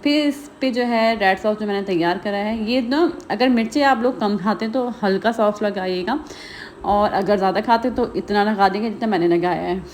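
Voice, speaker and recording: Woman, home cooking voice-over, rapid chatty delivery, mid-pitched voice, faint noise in the background. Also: a little mellow. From Pakistan. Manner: rapid, chatty, heavy use of filler phrases. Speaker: cooking vlogger. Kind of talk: recipe voice-over narration.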